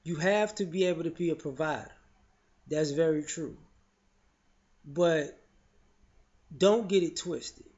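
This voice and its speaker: A man's voice: a little high, slow, pauses often, a little mellow. A man giving his opinions in casual spoken commentary, frank and loose, often saying "you know" and restarting his sentences. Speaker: vlogger sharing opinions. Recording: dull lo-fi audio.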